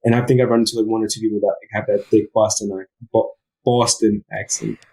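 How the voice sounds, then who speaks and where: A young man talks as a guest on a podcast, thinking aloud in a loose, reflective way. He leans on fillers like "like" and "you know" and restarts often. His voice sits a little low. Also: flat delivery, fast talker, dark tone, poor audio. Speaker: guest, footwear designer. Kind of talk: casual interview chat.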